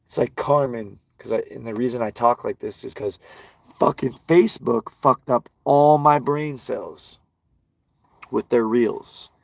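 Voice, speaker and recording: A man's voice: mid-range voice, a little slow, creaky, no room sound. A man ranting and swearing constantly while walking outdoors in a park, vlogging. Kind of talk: profane outdoor rant.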